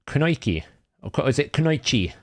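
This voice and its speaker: Brisk and medium-pitched with big swings in pitch, this livestream host from Wales, a native Welsh speaker, gives casual commentary on his gameplay. He muses aloud in a chatty way, frequently correcting himself.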